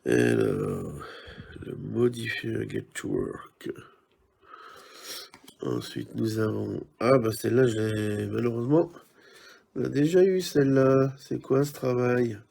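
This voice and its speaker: A man's voice: mid-range voice, lively intonation, slow pace, gravelly, pauses often, warm tone, husky. A man giving casual, chatty commentary while opening trading card packs, musing aloud with many hesitations.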